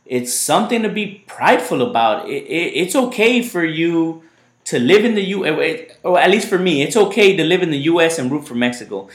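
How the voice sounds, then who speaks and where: A podcast host from the United States, whose first language was Spanish, chats casually in a slightly high, expressive voice at a somewhat fast pace. He rambles loosely and repeats his words. The room is echoey.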